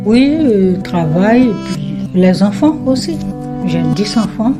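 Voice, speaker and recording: A woman, telling her life story in a lively way and acting out what people said. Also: medium pitch, slow, over music. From French Guiana. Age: 70s. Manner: lively storyteller who acts out remembered dialogue. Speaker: interviewee.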